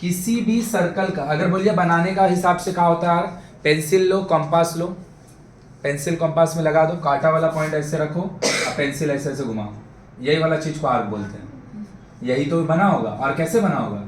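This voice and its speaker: At a normal speed, a man whose voice is on the high side leads a math lesson, chatting with the class and checking often that they follow. There's classroom echo and faint background noise.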